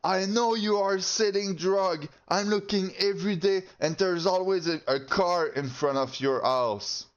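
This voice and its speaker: A man voicing an aggressive, suspicious man who shouts accusations, in a shrill and accusing manner. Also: takes it slowly, few pauses, smooth. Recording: slightly dull lo-fi audio.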